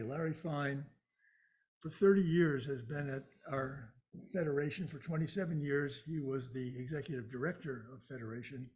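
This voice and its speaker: A man's voice: a little high, darkish tone. A man giving an informal, hesitant introduction of a speaker to a live audience. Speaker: event organiser introducing a speaker.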